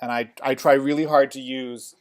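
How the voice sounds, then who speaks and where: A male college theater design instructor teaching software in a casual classroom style, often checking in with the class. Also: medium pitch, fairly even intonation, normal speed. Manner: chatty, checks in with "okay?" often.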